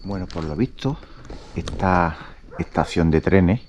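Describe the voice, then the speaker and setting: A man talking casually and haltingly as he vlogs a night exploration outdoors. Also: low-pitched. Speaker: vlogger. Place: outdoors at an abandoned train station at night. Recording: outdoor night recording with noise.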